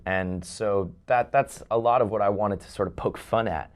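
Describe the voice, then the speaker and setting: A man's voice: fairly low pitch, normal speed. A man who wrote and directed a film, speaking earnestly and reflectively in an interview. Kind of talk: casual interview chat.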